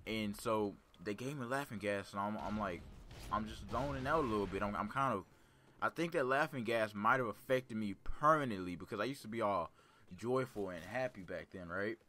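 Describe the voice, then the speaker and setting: A young man telling a personal story in a casual, rambling way, with a calm, laid-back, serious delivery. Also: on the low side, moderate pace, slight background noise.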